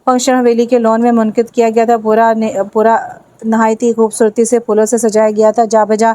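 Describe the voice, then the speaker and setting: A woman narrating a novel in a steady, even read. Her voice sits slightly high but dark and mellow, with little melody, and the recording is dry and close. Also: no room sound. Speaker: audiobook narrator. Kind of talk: novel reading aloud.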